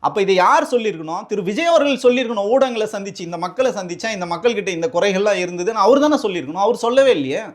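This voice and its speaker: High-voiced, rapid, combative man. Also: expressive. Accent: Tamil Nadu. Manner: combative, rapid rhetorical questioning. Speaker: political party spokesman. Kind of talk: heated political interview.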